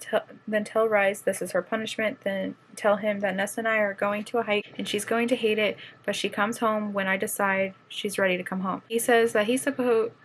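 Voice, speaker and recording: A woman's voice: mid-range voice, fairly bright tone, slight background noise, poor audio. A woman in a casual book vlog, chatting through a plot recap and quoting the characters' dialogue as she goes. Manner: chatty, retells scenes with quoted dialogue. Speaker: book vlogger.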